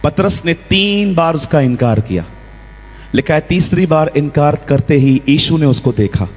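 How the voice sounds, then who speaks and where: A man preaching a lively sermon in a church, acting out quotes and scenes as he goes. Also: on the high side, unhurried, husky, faint music behind. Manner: lively preaching with acted-out quotes and role-play. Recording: long hall reverb.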